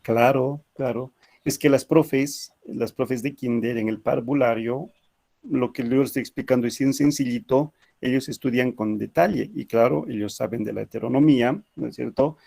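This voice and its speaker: A man's voice: medium pitch, normal speed, vocal fry, dark tone. A man teaching an ethics class, telling anecdotes in a chatty way with frequent tag questions.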